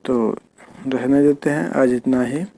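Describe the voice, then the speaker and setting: A man teaching children to read, slowly spelling out each word syllable by syllable in a patient lesson. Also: medium pitch, fairly even intonation, warm tone. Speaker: Hindi reading teacher.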